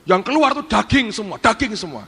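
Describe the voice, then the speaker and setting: A middle-aged pastor preaching a sermon, acting out Bible scenes in a lively way. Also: male voice, sits high, fairly quick, vocal fry, husky. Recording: long hall reverb.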